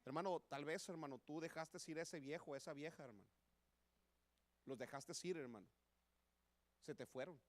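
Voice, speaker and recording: A man's voice: a little high, normal speed, long pauses, no room sound. A man with a Mexican Spanish accent preaching a sermon in church, impassioned and repeating "hermano" again and again. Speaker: pastor. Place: church sanctuary.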